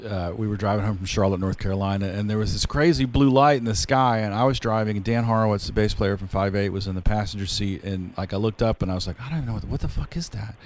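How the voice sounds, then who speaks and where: Male podcast host, slightly low voice, loose and chatty, rambles through stories. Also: steady tone, quick pace, hardly any pauses, darkish tone. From rural area. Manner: chatty, rambling storyteller with many fillers. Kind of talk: casual interview chat.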